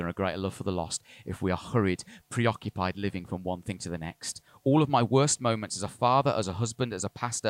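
A man's voice: on the low side, dry recording. A man preaching a sermon as a pastor, earnest with light asides to the congregation. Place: church service.

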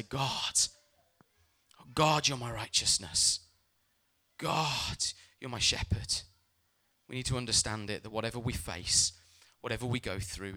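A man preaching a sermon as a pastor, speaking with emphasis and telling lively personal stories. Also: on the low side, smooth.

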